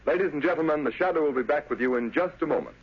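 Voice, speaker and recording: A man's voice: a little high, lively intonation, very fast, faint music behind. An American man announcing a sponsor's advertisement in formal, emphatic 1930s radio style. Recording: dull vintage radio recording.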